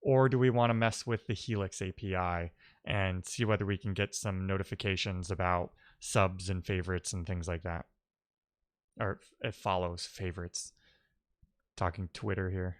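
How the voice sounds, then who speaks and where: Low-pitched and steady in tone, this man codes on a live stream, speaking casually and haltingly, thinking out loud and muttering to himself as he works.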